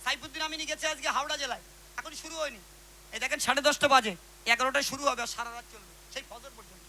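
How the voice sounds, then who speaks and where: A man preaches a story to a live crowd in a very high, bright, piercing voice. He talks fast and animated and keeps calling on listeners to respond. A faint hum sits under him. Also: low-quality recording. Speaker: ghazal singer and preacher. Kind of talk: storytelling religious talk to a live audience.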